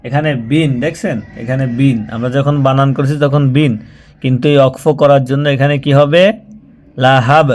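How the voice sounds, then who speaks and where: A patient male teacher with a mid-pitched voice. He spells out recitation syllable by syllable, repeating each sound and stretching it out for his listeners. The delivery is a steady, patient spoken tutorial. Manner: patient, repetitive, slows down and draws out syllables when demonstrating. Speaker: Quran reading teacher.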